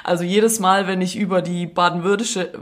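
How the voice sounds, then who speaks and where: A woman's voice: on the low side, steady tone, normal speed. A woman from Swabia with a Swabian accent, co-hosting a podcast in casual chat, laughing often and acting out what others said. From Swabia, Germany. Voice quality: chatty, laughs often, acts out quotes. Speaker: podcast co-host.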